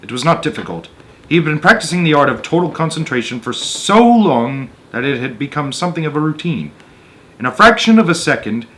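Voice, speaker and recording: A man with a medium-pitched, fairly bright voice narrates a children's story aloud, now and then breaking off for casual, conversational remarks about the text. He is the narrator and host of a story-time show.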